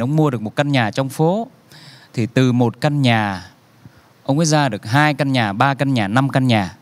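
A man telling a joke as a story, relaxed and unhurried, slowing down for effect and acting out the characters' lines. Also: mid-range voice, no echo. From Vietnam.

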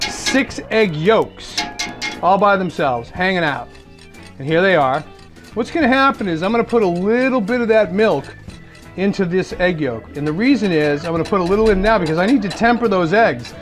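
A middle-aged man from Massachusetts with a local accent, explaining each cooking step in a chatty, casual way and laughing at himself now and then. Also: sits high. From Massachusetts, USA. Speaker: host cooking for dinner guests. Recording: music playing behind the voice.

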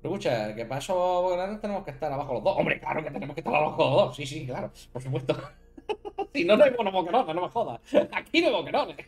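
Lively chatty Spanish man streaming. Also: fairly high pitch, fast talker. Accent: Spanish from Spain. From Spain. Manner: chatty, thinks aloud, talks to chat viewers by name. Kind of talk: casual live-stream chat while building a card deck.

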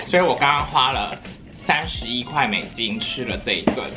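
A woman's voice: very deep voice, lively intonation, moderate pace, music in the background. A young woman, chatting playfully in a casual eating vlog at home and breaking into silly sing-song voices. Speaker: vlogger.

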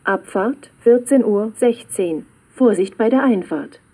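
A woman reading railway platform announcements in a flat, formulaic way, in pieced-together phrases. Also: medium pitch, slow pace, slightly rough.

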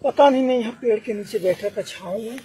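A man speaks in shaky, alarmed bursts, his voice pitched high and mellow. He is outdoors under a tree, caught on a noisy phone video. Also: fairly quick. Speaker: migrant worker. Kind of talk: frightened outdoor chat.

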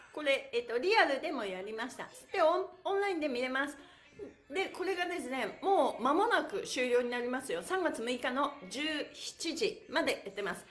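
In an indoor room with bare walls and an exercise mat, a middle-aged pantomime teacher and livestream host leads a chatty live exercise class. Her voice is high-pitched and a bit bright, she speaks to her viewers in a bubbly, playful manner, and the sound is roomy.

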